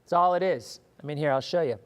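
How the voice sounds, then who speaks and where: A hoarse man runs a live weather show, chatting casually and fielding viewer questions. He talks at a quick pace in a slightly high voice and often repeats words while thinking.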